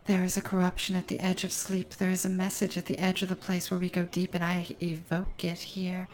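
A woman delivering a hypnotic, ASMR-like trance monologue in a slow, deliberate, soothing way, lingering on words, intimate and close as if right in the listener's ear. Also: lowish voice, monotone, a little mellow, slight background noise. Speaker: hypnosis performer.

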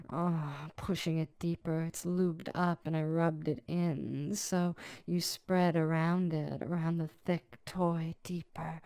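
A woman performing a sensual ASMR role-play for adults, purring intimately as if right in the listener's ear, with slow, deliberate, lingering phrasing. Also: fairly low pitch, mellow, clear, resonant tone, no room sound.

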